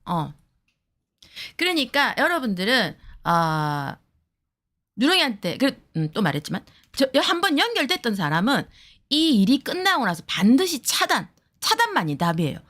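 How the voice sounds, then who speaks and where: A woman talks straight to her viewers in a blunt and heated way, swearing freely. Her voice sits a little high and swings widely up and down, and she slips into the voices of the people she quotes. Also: big pitch swings, moderate pace, fairly bright tone. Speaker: streamer giving advice to viewers. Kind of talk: heated casual talk to viewers.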